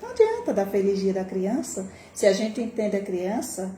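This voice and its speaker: A Brazilian woman educator speaks in a live stream with a mellow, warm tone, pressing her points through rhetorical questions. Now and then she leaps into a sharp, high voice to mimic a scolding adult. The sound comes from an echoey room with a faint hiss underneath. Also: big pitch swings, moderate pace. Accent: Brazilian Portuguese. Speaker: early childhood educator hosting a live stream. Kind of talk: impassioned live-stream talk. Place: home room, recorded for a social media live.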